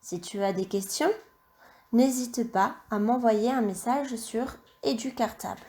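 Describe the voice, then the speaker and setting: A woman teaching young children, dictating words slowly and spelling out letters and syllables one by one. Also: fairly high pitch, mellow. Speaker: primary school teacher.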